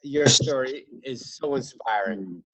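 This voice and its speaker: A man's voice: medium pitch, fairly bright tone, no room sound, rough recording. Man on a glitchy, breaking-up call line. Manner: halting, with many pauses and fillers. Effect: glitchy call audio breaking up and dropping in and out. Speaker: guest speaker on a group video call. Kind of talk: impromptu testimonial on a conference call. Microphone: computer mic on a video call. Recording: choppy internet call audio with jumping volume.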